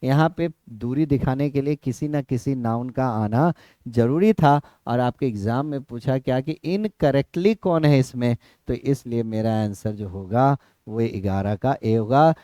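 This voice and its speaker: In a medium-pitched, dark-toned voice, a Bihari Hindi-accented man teaches an exam-prep lesson at a measured pace, repeating himself and checking on student comprehension. The sound is dry and clean, studio quality.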